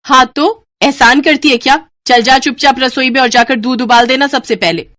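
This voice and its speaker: A woman voicing a harsh, bossy middle-aged sister-in-law in an animated storybook, scolding loudly. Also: fast talker, dry recording, clean studio sound, lightly acted. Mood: scornful. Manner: scolding, shrill and loud.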